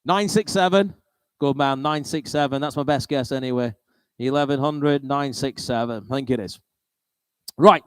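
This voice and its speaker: A man's voice: medium pitch, normal speed, smooth, no room sound. A British man working as an auctioneer, calling lots and repeating bids in a rolling chant, with informal, chatty asides.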